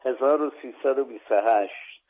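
Older male poet on a phone line, husky and formal, measured recitation. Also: medium pitch. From Iran. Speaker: guest poet. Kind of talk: phone-in chat and poetry recital. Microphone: telephone.

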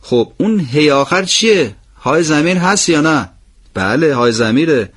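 A man teaching a recitation lesson. He explains each rule, asks questions and answers them himself, then recites the phrases slowly. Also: fairly high pitch, animated, fairly bright tone, husky.

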